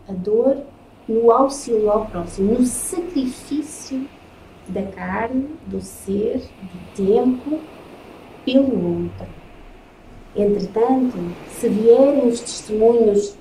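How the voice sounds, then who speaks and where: A woman with a European Portuguese accent giving a spiritist lecture, reading from slides in slow, measured phrases with solemn pauses. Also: mid-range voice, warm tone. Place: lecture room in front of a projected slide. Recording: echoey room, faint noise.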